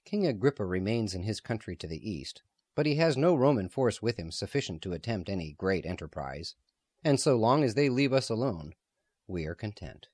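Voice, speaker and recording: A man's voice: on the low side, big pitch swings, moderate pace, darkish tone, slightly rough, no room sound. A man reading the part of a stern, proud elderly rabbi who speaks hotly and with defiance. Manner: hot, stern, declaiming.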